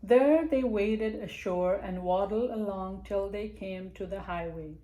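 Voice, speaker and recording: A woman reads a children's picture book aloud in an unhurried, storytime manner, pausing now and then to address young listeners. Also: medium pitch, mellow, lo-fi sound. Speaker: library storytime reader.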